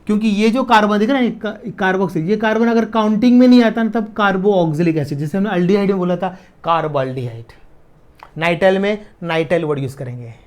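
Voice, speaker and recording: A male chemistry teacher with a high-sitting, slightly mellow voice gives a casual classroom lecture. He repeats key terms slowly and asks his students, "clear?"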